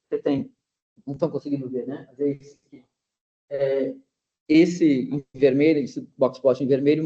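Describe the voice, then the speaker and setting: A man's voice: mid-range voice, dark tone. A man giving an academic seminar talk over a video call, explaining slides step by step with frequent hesitations and restarts. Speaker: linguistics researcher presenting. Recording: dull lo-fi meeting recording.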